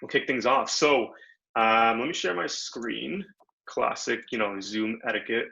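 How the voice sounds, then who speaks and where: Speaking slightly slowly in a mid-range, creaky voice with a sharp edge, a young man from Bangladesh runs a relaxed, cheerful online workshop. His talk is full of slang and filler words. It's captured as dull, low-fidelity video call audio.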